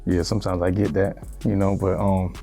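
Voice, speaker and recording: Laid-back young man, flat and low. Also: fairly quick, gravelly, faint music behind. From Miami, Florida. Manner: laid-back street slang, lots of "you feel me". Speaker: rapper, interview guest. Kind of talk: casual interview.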